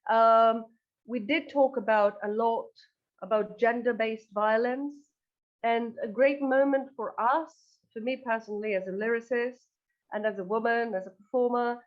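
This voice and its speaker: A woman's voice: fairly high pitch, fairly even intonation, normal speed, lo-fi sound. A woman from northern Greece, answering interview questions earnestly and hesitantly, repeating words as she goes. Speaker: interview guest, band singer and lyricist.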